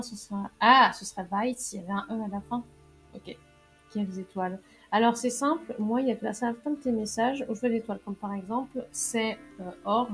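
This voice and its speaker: A young woman streaming a game, chatting casually, laughing often and reading chat messages aloud. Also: medium pitch. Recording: faint game music behind.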